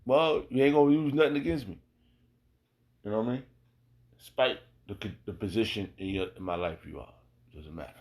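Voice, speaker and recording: With a darkish, lowish voice, this American man teaches scripture in a casual, emphatic style, leaning on repetition and rhetorical check-in questions. He talks briskly but leaves long pauses.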